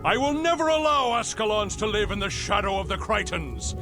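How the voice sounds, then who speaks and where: Imperious king with wildly swinging pitch. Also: big pitch swings, fairly quick. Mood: scornful, imperious. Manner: imperious, theatrical. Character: proud, stubborn, wrathful old king and father. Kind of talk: video game cutscene acting. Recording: loud music behind. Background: loud music.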